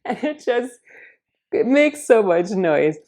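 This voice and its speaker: A woman's voice: medium pitch, sing-song, slow pace, a little mellow. A woman vlogger talking casually and earnestly, explaining things step by step. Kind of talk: casual vlog narration.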